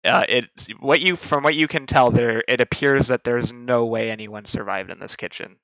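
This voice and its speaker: A man narrating a tabletop role-playing game as game master, with dramatic, halting descriptions. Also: medium pitch, creaky, fairly bright tone. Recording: roomy, slightly dull voice recording.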